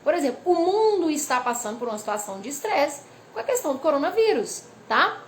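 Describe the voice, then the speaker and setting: High-voiced woman explaining hormones. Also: fast talker. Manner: lively, reads notes, frequent "né?" and "tá?" asides. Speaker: weight-loss educator. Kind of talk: casual explanatory talk to camera. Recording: faint background noise.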